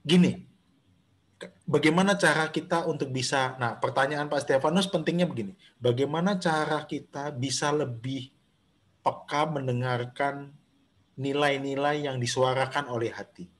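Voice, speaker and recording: A man's voice: medium pitch, moderate pace. A man, a pastor leading a Bible study over a video call, talking conversationally with many fillers and restarts. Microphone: video call microphone.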